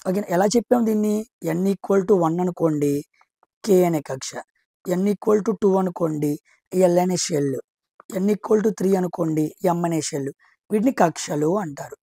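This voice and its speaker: A woman teaching chemistry. She asks her own questions, answers them herself, counts aloud and slowly repeats key terms. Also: lowish voice, gravelly, mellow, no echo, studio quality. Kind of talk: explaining chemistry, drawing on a board.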